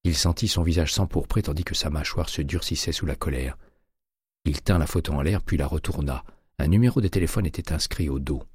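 A man reading a thriller audiobook in a steady, measured voice, recorded close and dry. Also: a bass voice, breathy edge, no echo. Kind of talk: audiobook narration.

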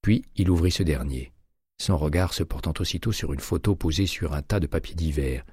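A man reading a thriller audiobook in a steady, measured voice, recorded close and dry. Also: rumbling low, husky, dry recording. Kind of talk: audiobook narration.

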